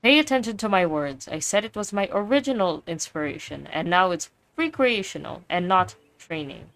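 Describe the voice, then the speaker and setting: Reading game dialogue aloud, a woman with a natural mid-range voice plays a calm, kindly older male weapon engineer, staying steady and explanatory despite small slips. The audio quality is poor.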